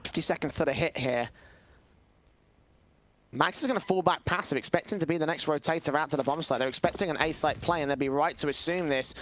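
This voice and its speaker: High-voiced male esports caster. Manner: rapid, rising to excited shouts at big plays. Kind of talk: play-by-play commentary.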